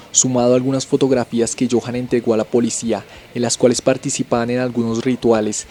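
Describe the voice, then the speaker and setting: Male channel narrator, measured and steady, low-key dark timbre, scripted storytelling read.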